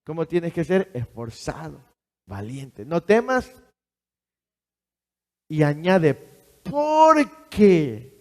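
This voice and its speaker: A man preaching slowly and emphatically, his voice sitting a little high for a man. He keeps asking his congregation questions. The long reverb of a church hall hangs on every phrase. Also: very animated, a little mellow. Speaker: pastor. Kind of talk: sermon.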